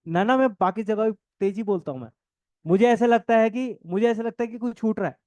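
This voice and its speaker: A man teaching a coaching class, dictating notes and repeating phrases, talking fast and joking with students now and then. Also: high-pitched, a little mellow, no echo. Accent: north Indian Hindi. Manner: jokes with students, laughs often.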